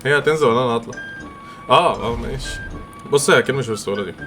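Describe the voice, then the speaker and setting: A young man with an Egyptian accent commentating his own gameplay, excitable and quick to react loudly. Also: medium pitch, faint music behind. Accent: Egyptian Arabic. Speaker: gamer. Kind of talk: let's-play game commentary.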